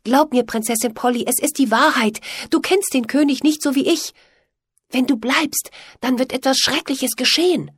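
A woman's voice: on the high side, lively intonation, moderate pace, dry recording, studio quality, voice pushed up. Pitt, a woman voicing an anxious stammering stable boy. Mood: pleading. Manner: stammering, pleading. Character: earnest worried young stable boy.

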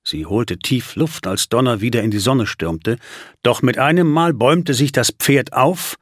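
Husky male audiobook narrator. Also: medium pitch, a bit bright, no echo, studio quality. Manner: measured, vivid narration. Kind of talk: storybook reading.

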